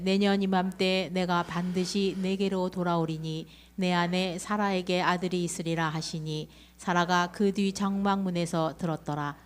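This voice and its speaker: Woman reading scripture smoothly. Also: on the low side. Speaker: scripture reader. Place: church sanctuary.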